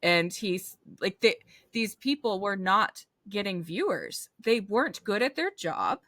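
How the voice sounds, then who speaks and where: Bright, animated woman podcast host. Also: mid-range voice, unhurried, dry recording. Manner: animated, opinionated, acts out quoted voices. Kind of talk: casual podcast interview.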